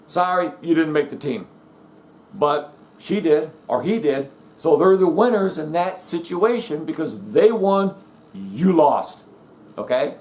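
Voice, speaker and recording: A middle-aged man with a fairly high-pitched voice holds forth in a blunt, emphatic rant. He hammers home his points and keeps asking "okay?" and "guess what?" to drive them in. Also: lively intonation, unhurried, darkish tone. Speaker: vlogger. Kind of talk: ranting monologue.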